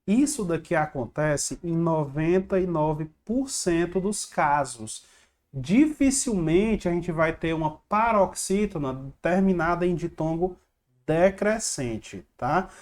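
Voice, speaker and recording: A man's voice: sits high, animated, measured pace, darkish tone. A man teaching an online exam-prep grammar lesson, talking over slides. He asks the viewer a question, then answers it himself. He drills catchy rhymes again and again. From Brazil.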